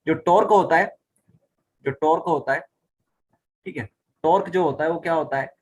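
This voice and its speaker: A man's voice: a little high, moderate pace, lo-fi sound, a little hiss or hum. A man teaching a physics lesson, repeating key phrases and often stopping to check that students understand. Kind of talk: explaining a lesson at a whiteboard.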